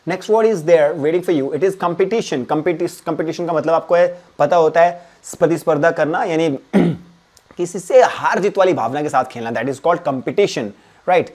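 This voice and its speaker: A man teaching an English spelling lesson. He mixes Hindi and English, repeats words and spells them out letter by letter, and often clears his throat. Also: on the high side, slow, a little mellow. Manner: switches between Hindi and English mid-sentence. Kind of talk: exam-prep spelling lesson.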